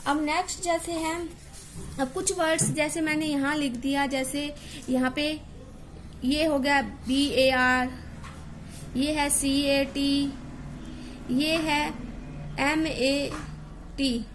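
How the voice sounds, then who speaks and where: A woman's voice: high voice, steady tone, slow pace, pauses often, slight background noise. A woman teacher explaining English pronunciation, repeating words and spelling out letters to drill each sound.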